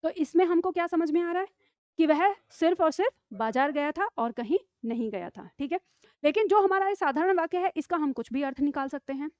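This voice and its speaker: Woman teacher, high voice, patient step-by-step grammar explanations, slow dictation; dull, dry recording. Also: darkish tone, no echo. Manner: explains step by step, often asks "ठीक है?"; dictates example sentences slowly. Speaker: Hindi teacher. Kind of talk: classroom grammar lesson. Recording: dull lo-fi dry room sound.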